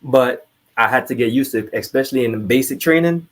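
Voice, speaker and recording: A man from Trinidad, a military veteran appearing as a podcast guest, speaks quickly at medium pitch. He tells personal stories candidly and informally, swearing casually as the conversation goes on.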